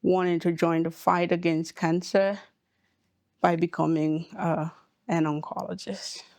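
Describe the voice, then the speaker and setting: A woman from Cameroon speaks in a slow, careful podcast interview. Her voice sits a little low, and she explains with deliberate pauses between phrases. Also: little pitch movement, darkish tone, no echo. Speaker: hematologist oncologist guest.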